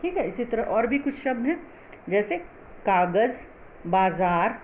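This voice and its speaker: A woman teaching a Hindi class, explaining pronunciation slowly and patiently, spelling out sounds syllable by syllable. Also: a little high, sing-song, a little mellow, a little hiss or hum.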